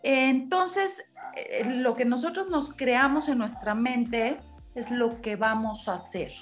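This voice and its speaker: A woman, a life coach guest who explains in a lively, encouraging way. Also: fairly high pitch, slow, faint music behind. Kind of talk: conversational interview.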